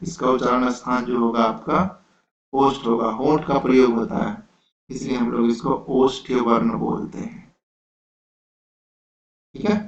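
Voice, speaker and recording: A man teaching an exam-prep lecture, explaining slowly and patiently, checking in with his students again and again. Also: medium pitch, fairly even intonation. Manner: slow, repetitive explaining with frequent "theek hai". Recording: roomy, dull lo-fi sound.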